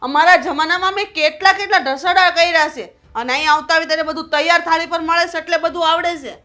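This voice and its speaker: A woman's voice: very high voice, fairly even intonation, quick pace, sharp tone. An actress playing a domineering, proud mother-in-law who scolds and lectures her daughter-in-law. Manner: scolding, bossy, indignant. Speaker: actor in a short film. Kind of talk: family drama acting.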